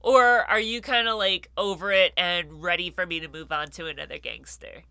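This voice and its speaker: A woman's voice: fairly low pitch, normal speed, creaky, pushed and bright, clean tone, no echo, studio quality. A woman hosting a true-crime show in a casual, chatty way, with a congested, nasal voice from a stuffed nose.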